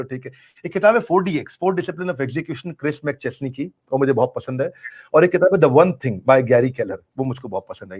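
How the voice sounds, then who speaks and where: A middle-aged man answers interview questions with earnest conviction. He speaks in a mid-range voice and drives his points home by repeating phrases. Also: medium pitch. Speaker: business coach being interviewed.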